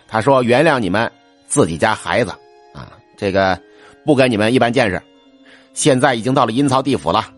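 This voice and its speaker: A sly exorcist scolds with loud, theatrical indignation, as a male narrator puts him on. His voice is raised and husky, and it lurches widely in pitch. Soft music sits behind him. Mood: placating.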